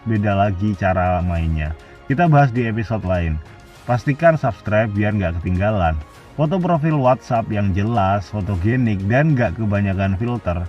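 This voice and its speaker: A man's voice: fairly low pitch, far from the mic, dull audio. A man giving blunt, casual dating advice as a scripted voice-over. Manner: blunt slangy Jakarta-style casual talk.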